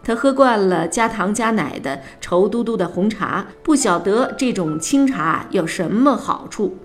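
A woman reading a novel aloud on the radio in measured, expressive narration. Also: medium pitch.

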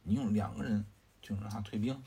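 A man voicing an adult male commander who reasons calmly in a plain, conversational storytelling voice. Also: fairly low pitch, creaky, husky, heavily acted. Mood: surprised. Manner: plain conversational retelling with drawn-out particles.

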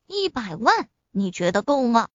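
A cocky, teasing young man from a storybook, as a woman reader puts him on. The voice is pitched fairly high and moves lively, heard dry and dull like a lo-fi recording. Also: normal speed, dry recording. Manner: playful, teasing.

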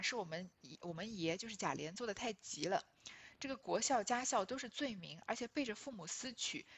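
A woman giving relaxed, conversational commentary on a classic novel, often checking in with listeners. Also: mid-range voice, slightly rough. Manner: conversational, asks listeners "right?". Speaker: literature explainer.

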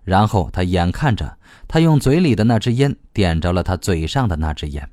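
A man narrating a novel as an audiobook, reading in a lively, expressive way. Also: deep voice, moderate pace, no room sound, clean studio sound.

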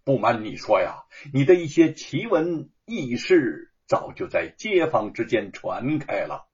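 A man's voice: medium pitch, very animated, a little slow, husky, dull audio, heavily acted. A man voicing an earnest young scholar. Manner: earnest, persuasive. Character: Li Chunfang, earnest frank young male scholar.

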